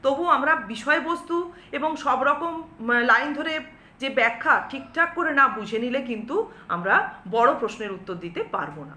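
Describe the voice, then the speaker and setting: A woman's voice: high-pitched, expressive, normal speed, sharp tone, reverberant. A woman teacher with a West Bengal Bengali accent explaining a poem to students step by step, asking and answering her own questions.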